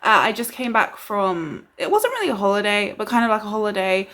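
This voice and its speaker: A young woman from the UK, a beauty vlogger chatting casually to camera, rambling and excitable. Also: medium pitch, fairly quick.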